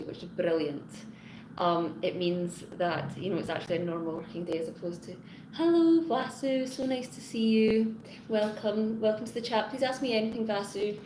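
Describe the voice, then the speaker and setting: A woman chatting on a live stream, talking into her phone's front camera in an echoey room with a steady hum of background noise. Her pitch sits in the middle range, and she drifts from one thought to the next. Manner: chatty and rambling, greeting chat commenters. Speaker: live-stream host, teacher. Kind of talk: casual live-stream chat with viewers. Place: her home in Hong Kong.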